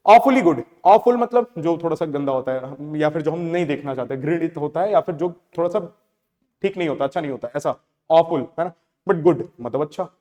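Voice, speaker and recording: Young male teacher with a high voice, lecturing in Hindi mixed with English, reads English definitions slowly, long reverb in the room. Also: dark tone. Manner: explains in Hindi mixed with English, often checking "theek hai". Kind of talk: classroom lecture.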